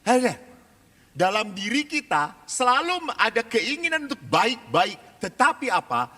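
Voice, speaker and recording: Animated, bright-voiced male priest in a hall. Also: very high voice, unhurried. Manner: animated storyteller, acts out quoted voices. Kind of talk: lively seminar talk. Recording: reverberant hall.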